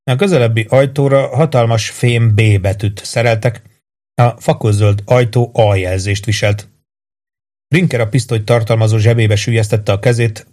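Low-voiced male audiobook narrator. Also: a little mellow. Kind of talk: scripted narration.

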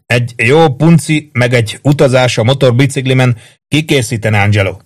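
A man's voice: medium pitch, close to an everyday voice. A man reading an audiobook, voicing a surly, boastful young soldier. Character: surly young male soldier who loves motorbikes. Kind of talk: audiobook character voice.

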